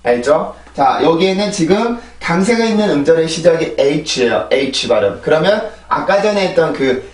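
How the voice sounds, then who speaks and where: Teaching English pronunciation with patient explanations and repeated word drills, this Korean-accented man speaks at normal speed with few pauses. His voice is on the high side with lively intonation, captured by a clip-on mic on a phone camera that sits far away in an echoey room.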